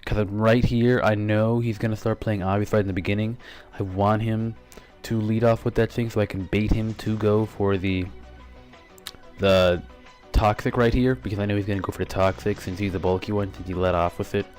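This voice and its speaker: Low-voiced teenage guy rambling over gameplay. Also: flat delivery, darkish tone, faint music behind. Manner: rambling, self-correcting, quick asides. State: out of breath. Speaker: gaming YouTuber. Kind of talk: casual game commentary.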